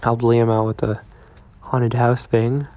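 A young man rambling slowly through a casual video diary in a stoned drawl. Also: mid-range voice, flat delivery, mellow, no echo. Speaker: vlogger.

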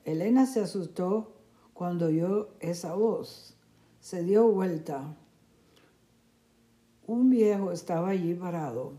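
A woman narrating a story slowly in a measured, clear reading. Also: on the low side, mellow. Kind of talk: slow storybook narration for learners.

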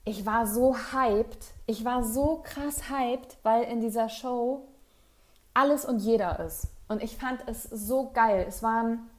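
A woman's voice: a little high, slow pace, a little mellow. Young woman, podcast co-host, casual and enthusiastic, slangy, lots of fillers. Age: young adult. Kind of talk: casual chat.

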